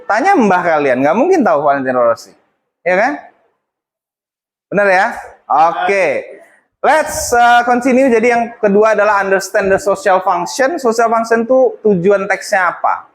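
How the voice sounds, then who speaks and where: A male English teacher instructing a classroom, mixing English phrases into his talk and prompting students. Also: high voice.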